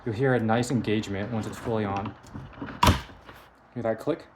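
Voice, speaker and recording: An engineer presents a prototype device, demonstrating it hands-on and explaining each step methodically. He speaks in a lowish, steady voice at a moderate pace, with heavy background noise behind him.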